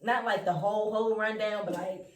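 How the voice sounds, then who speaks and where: Soft, rambling young woman, distant mic. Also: mid-range voice, steady tone, a little fast. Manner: rambling, self-correcting storyteller, often soft. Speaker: guest. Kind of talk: casual chat. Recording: roomy sound from a distant mic.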